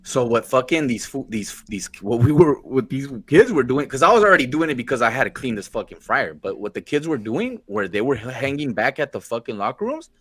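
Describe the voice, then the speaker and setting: A man's voice: mid-range voice, sing-song, fairly quick, few pauses, a bit bright, breathy edge, no echo. A man telling stories in casual podcast chat, slangy, swearing freely and laughing at himself. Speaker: podcast co-host.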